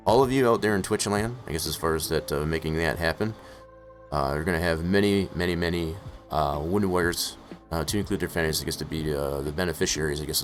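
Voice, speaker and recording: A low-voiced man rambles through a casual live-stream chat, hoarse and losing his voice. He's full of "uh" and fillers like "I guess, as far as," while faint music plays in the background.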